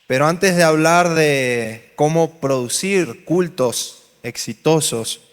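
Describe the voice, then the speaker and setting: A pastor with an Argentine Spanish accent leads a lively church workshop in a large hall, joking, telling stories and putting questions to the congregation. His fairly high voice is slow and clean-toned, and the recording carries hall reverb before an audience.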